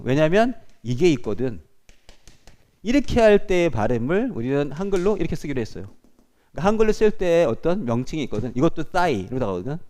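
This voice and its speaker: A man teaching a class, lecturing to students and often checking in with them. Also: mid-range voice. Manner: animated, addresses students directly with frequent checks.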